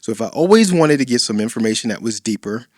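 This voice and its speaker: A man co-hosting a dating-coach podcast in casual chat, playful and animated, often acting out quoted lines. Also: mid-range voice, fast talker, no room sound, studio quality.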